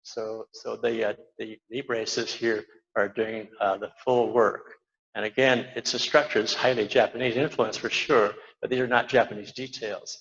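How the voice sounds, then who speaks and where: Older man, lower voice, rambling informal lecture, dull recording. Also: flat delivery, normal speed, vocal fry, fairly bright tone. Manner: rambling, frequent fillers and restarts. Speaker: architect giving a slide talk. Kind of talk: informal lecture over slides. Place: lecture hall at an awards event.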